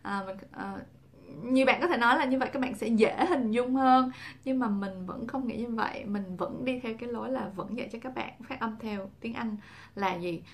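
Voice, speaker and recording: A young woman teaching English pronunciation in a casual talk to camera, saying example words slowly and repeating them. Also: on the high side.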